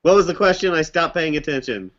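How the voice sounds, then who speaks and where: A man's voice: fairly high pitch, expressive, quick pace, a bit bright, lo-fi sound. A man chatting on a podcast, joking and a little distracted. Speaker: podcast guest. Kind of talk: casual chat.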